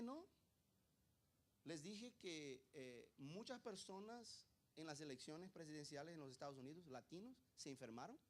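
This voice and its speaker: With slight background noise behind him, a male pastor with a slightly high voice delivers a sermon full of rhetorical questions to the congregation. He shifts from hushed asides to loud, emphatic moments.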